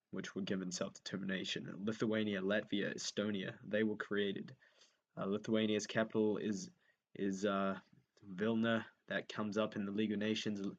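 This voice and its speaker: A young man with a lowish voice talks through history revision notes, pausing on "um" and saying each point again as he writes it. The recording sounds dull and lo-fi, like a simple home setup. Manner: thinks aloud with many ums, repeats key points as he writes them down. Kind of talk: unscripted revision lesson while writing notes.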